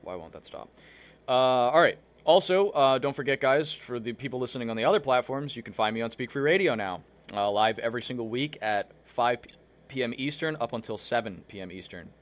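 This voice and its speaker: A man's voice: mid-range voice, animated, brisk. A man with a mid-range voice hosts a live online show, chatting loosely to his viewers. He rambles with plenty of fillers and restarts while a bout of hiccups keeps interrupting him. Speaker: livestream show host. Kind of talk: casual livestream talk to viewers.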